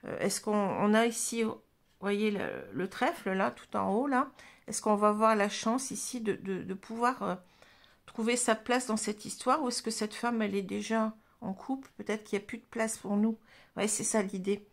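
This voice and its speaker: Gravelly-voiced woman reading tarot. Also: mid-range voice. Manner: halting, full of "hein" and "vous voyez", restarts. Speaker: tarot reader. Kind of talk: casual tarot reading to camera.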